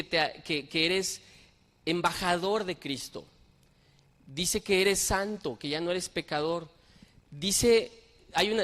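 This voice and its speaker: A man's voice: on the high side, fairly bright tone. A middle-aged man delivers a sermon in a slightly raised voice. He tells anecdotes and presses his listeners with earnest questions. A long church reverb trails after his words. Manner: storytelling with rhetorical questions, earnest. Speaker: pastor. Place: church hall.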